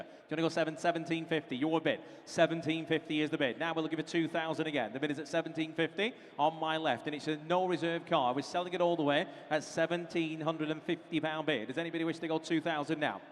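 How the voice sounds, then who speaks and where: British man, auctioneer, higher-pitched voice, repetitive bid-calling patter, big echoing hall. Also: fairly even intonation, fast, few pauses. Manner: auctioneer's patter, repeating figures and prompting bidders. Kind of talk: live auction calling, running bid chant. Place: large reverberant auction hall. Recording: reverberant hall sound.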